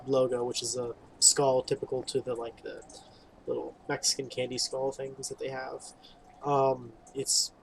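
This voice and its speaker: Heard through poor audio, a medium-pitched man gives casual, rambling commentary on a video game playthrough. He reads dialogue aloud and adds wry, informal asides over game music.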